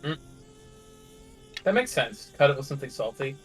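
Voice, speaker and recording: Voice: medium pitch, moderate pace. A friend on a stream chatting casually, telling stories and laughing often. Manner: storytelling, animated, laughs often. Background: game music.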